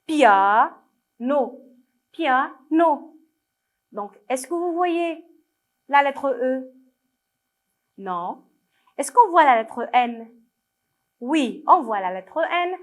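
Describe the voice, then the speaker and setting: Moroccan woman, primary teacher, slow and patient, a bit high, repeats words for kids. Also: animated. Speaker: primary school French teacher. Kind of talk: video lesson for young children.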